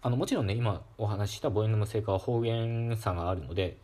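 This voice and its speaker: A man giving a calm, casual educational talk on pronunciation, demonstrating sounds aloud with frequent fillers. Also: on the low side, a little fast. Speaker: solo talk host explaining linguistics.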